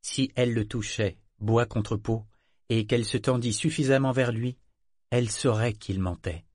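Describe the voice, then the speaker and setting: A man narrating a novel as an audiobook in a measured, even way. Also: medium pitch, no room sound, clean studio sound. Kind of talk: scripted narration.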